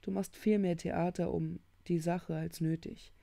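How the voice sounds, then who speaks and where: A woman's voice: on the low side, fairly even intonation, measured pace, vocal fry, mellow, no echo. A woman voicing a teenage boy who brushes off worries and defends himself in a storybook reading. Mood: defensive. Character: dismissive teenage boy gamer.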